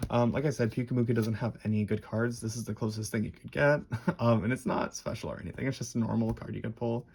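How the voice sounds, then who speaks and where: A young man with a lisp and a husky, creaky voice, rambling and halting through a casual, sweary show-and-tell. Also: mid-range voice, steady tone, darkish tone, slight background noise. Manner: rambling, halting, enthusiastic wording. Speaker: card collector presenting a collection.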